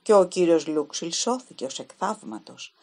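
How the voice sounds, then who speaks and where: A frightened young woman who pleads with a trembling, husky voice, set a little low for her age, as a woman reading a storybook puts her on. She sounds pale and shaken, choosing her words with care. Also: expressive, a little mellow. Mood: anxious pleading.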